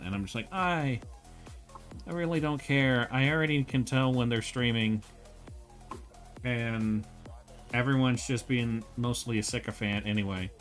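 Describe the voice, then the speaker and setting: A man hosting an art stream, chatting casually while he draws, laid-back, laughing often and swearing freely. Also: lowish voice.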